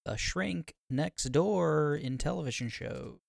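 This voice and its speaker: Podcast host, male, gravelly mid voice, slow deliberate readouts. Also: a little high, dry recording, clean studio sound. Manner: reads out picks slowly while typing. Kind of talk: casual group chat.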